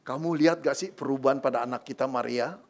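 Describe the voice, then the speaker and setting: A man playing a middle-aged father who asks his wife quietly and with worry about their daughter. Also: medium pitch, fast, pitched below the performer's own voice, close to an everyday voice. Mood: worried.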